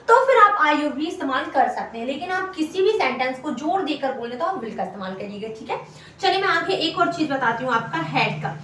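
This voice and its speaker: A woman's voice: high voice, a bit bright, distant mic, a little hiss or hum. A woman teaching an English grammar lesson, explaining patiently and repeating every example sentence. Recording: echoey room, voice from afar.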